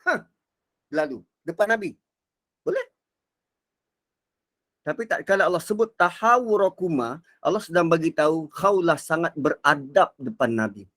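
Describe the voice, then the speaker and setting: A man giving a Quran reflection lecture. He is expressive and swings between soft and loud delivery. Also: on the high side, moderate pace, long pauses. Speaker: religious teacher.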